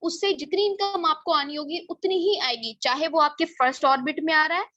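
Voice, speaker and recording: Presenting a marketing plan as a casual lesson, a woman speaks at a moderate pace in a high, bright voice with a forceful tone. Rhetorical questions and check-ins of "okay?" come often. There is no echo, and the dry recording is dull and a bit lo-fi.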